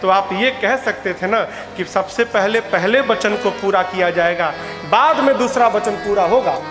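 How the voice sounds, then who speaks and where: Slow, high-voiced preacher in an echoing hall. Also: male voice, over music. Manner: storytelling with quoted dialogue and sung lines. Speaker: katha preacher. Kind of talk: sermon storytelling. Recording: echoey hall with instrument backing.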